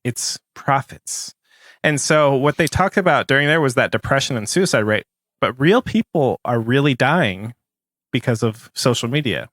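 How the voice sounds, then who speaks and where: A man co-hosting a podcast in casual conversation, sarcastic and animated. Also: mid-range voice, normal speed, no echo, studio quality. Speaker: podcast co-host.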